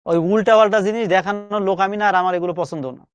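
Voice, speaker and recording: A high-voiced man keeps a steady tone and quick pace while running spelling drills in a live online class, repeating words and coaxing students with chatty colloquial asides. His accent is Bangladeshi Bengali, and the recording is dry.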